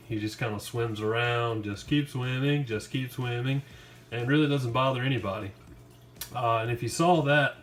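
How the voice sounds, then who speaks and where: Easygoing man with a slightly higher voice. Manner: informal, easygoing explaining to viewers. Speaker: home aquarium hobbyist filming a fish-care vlog. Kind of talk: casual unscripted demonstration and narration. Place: at home beside a fish tank and kitchen sink.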